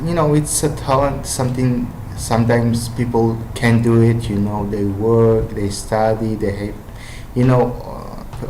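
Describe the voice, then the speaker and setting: Language-learning advice comes from a native Hebrew speaker with an Israeli accent, delivered in a medium-pitched voice as a casual, halting monologue packed with fillers and restarts. Background noise and roomy echo are audible.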